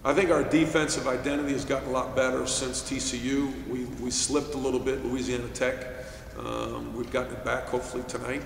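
Gravelly middle-aged coach in echoey room. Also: male voice, mid-range voice, little pitch movement. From New York. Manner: measured, many fillers and restarts. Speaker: head basketball coach. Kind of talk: postgame press conference answers. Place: press room, seated at table. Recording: echoey room, distant mic, faint hiss.

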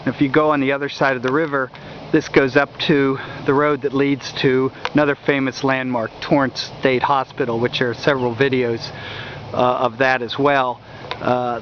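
A man narrating a walking tour outdoors along a wooded riverbank, talking in a halting way with many fillers, recorded on a handheld camera mic. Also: medium pitch, a little hiss or hum. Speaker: history video host. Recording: dull lo-fi outdoor audio.

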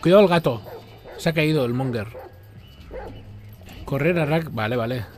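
Excitable man streaming a game. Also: mid-range voice, normal speed, faint music behind. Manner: excitable, swears and reacts loudly. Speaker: streamer playing a video game. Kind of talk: live gameplay commentary.

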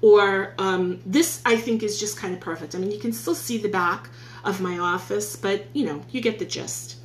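Her voice is mid-range and moderately paced, sounding reverberant with slight background noise, picked up by a phone on a stand at arm's length. She's a woman in her forties with a New York accent, live streaming tips from her home office in a chatty, upbeat way and thanking viewers as she talks.

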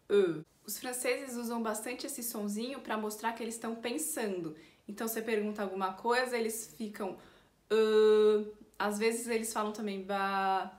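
A woman with a fairly high voice gives a casual video lesson, explaining step by step and acting out little example phrases. Her voice rings in a roomy, echoey indoor space. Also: a bit bright. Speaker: French teacher.

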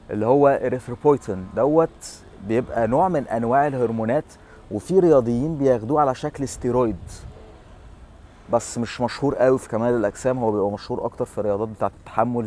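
A mellow, lowish voice comes from a man in his thirties with an Egyptian Arabic accent, giving an informal fitness explainer to camera. He sits on a seafront bench outdoors in a city, recorded on a lapel mic.

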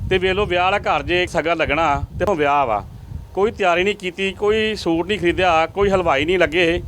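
A man's voice: a little high, fairly bright tone, a little hiss or hum. A male field reporter making repetitive, pleading appeals to viewers during a charity interview in a family's rented home.

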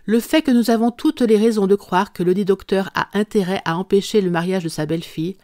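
A reader voicing a calm, ironic male detective who lays out his reasoning in an audiobook. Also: medium pitch, brisk, dry recording, clean studio sound, natural voice. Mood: composed, amused. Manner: composed, dryly amused, explanatory. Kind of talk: audiobook character reading.

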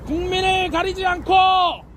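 A man giving a shouted protest speech outdoors on a street, calling out slogans in drawn-out phrases. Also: extremely high pitch, fairly even intonation, slight background noise.

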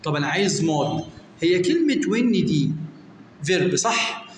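A young Egyptian man with a high voice runs an English revision lesson. He questions students by name and answers himself. His voice rings in a roomy space with a long tail and a faint hiss underneath. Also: big pitch swings, moderate pace. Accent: Egyptian Arabic. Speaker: English teacher. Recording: echoey room with long reverb, faint noise.

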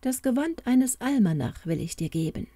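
A woman voicing a wise, gentle fairy queen who soothes her daughter in a motherly way. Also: on the high side, very animated, normal speed, dry recording, voice pushed up. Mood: tender.

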